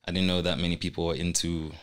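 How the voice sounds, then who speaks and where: A young man, an artist, is the guest here, his low voice moving fast with little change in pitch. In a small indoor podcast studio, speaking into a mic on a stand, he reflects sincerely on his work during a relaxed chat.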